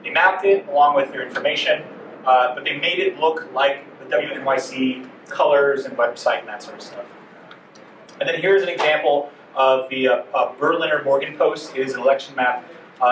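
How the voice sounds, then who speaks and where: A man's voice: on the high side, background noise. A man giving a conference workshop talk, loose and chatty, full of fillers and asides. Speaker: workshop presenter. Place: conference room. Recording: roomy hall audio from a distance.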